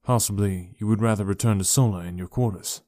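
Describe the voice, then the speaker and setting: Reader doing an earnest adventurer, low and hushed, dry close voice. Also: male voice, a little fast, no room sound, lightly acted. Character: earnest human man, a lovestruck adventurer.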